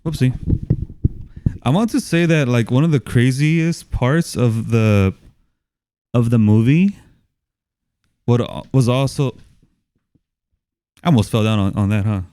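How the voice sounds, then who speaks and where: A man's voice: mid-range voice, a little slow, pauses often, clear, resonant tone, no room sound. Laughing, swearing casual podcast guy. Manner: laughs often, swears, animated retelling. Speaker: podcast co-host. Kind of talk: casual movie chat.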